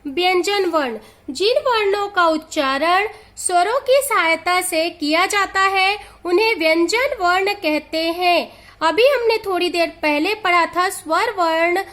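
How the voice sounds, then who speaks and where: Slow, very high-pitched woman teacher. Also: a bit bright. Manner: slow, deliberate explanation, drawing out each letter. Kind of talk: grammar lesson.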